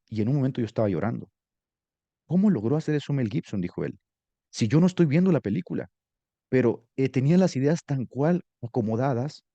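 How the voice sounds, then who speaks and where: A man teaching rhetoric to a class, animated and asking students questions. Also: medium pitch, no room sound, highs cut off. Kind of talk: classroom lecture.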